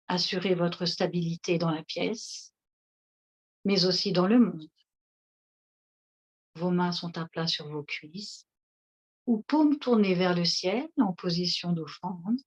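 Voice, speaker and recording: Woman, relaxation guide, soothing instructions, very unhurried, dull lo-fi recording. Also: lowish voice, a little mellow. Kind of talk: guided seated relaxation session.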